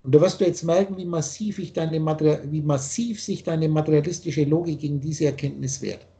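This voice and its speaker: High-voiced older man lecturing. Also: steady tone, brisk, dark tone. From Austria. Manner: rambling, insistent, with frequent restarts. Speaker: spiritual teacher. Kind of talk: lecturing monologue on a call. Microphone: video call.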